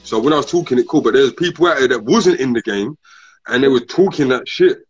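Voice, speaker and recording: A husky man speaks in a London roadman accent, full of street slang. He chats casually on a group livestream. The sound is dull and muffled, with faint music underneath. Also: medium pitch, animated, fast talker, dry recording.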